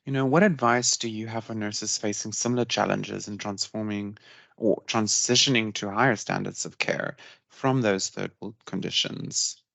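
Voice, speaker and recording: Man, podcast host, gravelly, dry close sound, halting questions. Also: lowish voice, fairly bright tone, no room sound. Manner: short murmured acknowledgements, halting questions. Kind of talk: interview questions.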